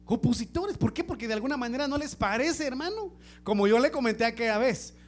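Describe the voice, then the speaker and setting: A pastor preaching in a church with a very lively, rising and falling delivery. He drops to soft asides, then climbs to shouted peaks, and acts out the people in his stories. Faint music sits behind his voice. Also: high voice. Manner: swings from soft, near-whispered asides to loud, shouted peaks; acts out quoted people in a storytelling way. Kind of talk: sermon.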